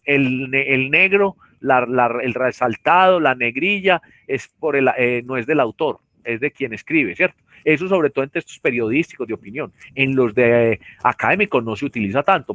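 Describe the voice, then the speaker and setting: A man gives an online class lecture in a measured, explanatory way. He stops often on tag questions and fillers. The sound is dry and close, at a middle pitch. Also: a bit bright, no room sound. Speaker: university lecturer. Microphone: computer mic on a video call.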